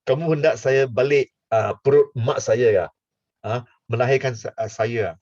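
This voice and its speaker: A man voicing a doubtful elderly man, speaking haltingly and drawing out his words. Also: medium pitch, a little mellow, no room sound, voice pushed down, lightly acted. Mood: puzzled. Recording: dull lo-fi sound.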